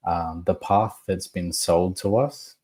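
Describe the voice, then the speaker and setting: A man being interviewed as a podcast guest, talking slowly and reflectively with many pauses. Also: low-pitched, steady tone, a little mellow. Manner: slow, measured, thoughtful with pauses.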